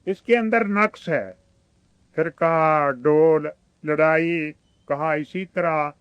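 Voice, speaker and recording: Male preacher, Urdu-speaking Pakistani accent, high crisp voice, dry close sound, quotes Arabic verses. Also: fairly bright tone, no room sound. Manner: rhetorical questions to the audience. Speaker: religious teacher. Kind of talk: sermon.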